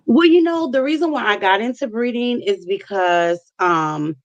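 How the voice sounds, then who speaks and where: A woman's voice: mid-range voice, lively intonation, normal speed, dry recording, highs cut off. A middle-aged woman with a New Orleans accent, chatting casually as a talk show guest. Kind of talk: casual chat.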